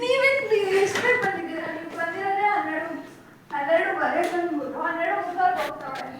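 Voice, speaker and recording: A young woman answers her mother in quick, high, wry snippets while she cooks at home. Her voice bounces around an echoey kitchen, with other voices chattering in the background. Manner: wry, reluctant, curt replies. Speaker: daughter cooking. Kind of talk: casual family chat. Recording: echoey room with family chatter.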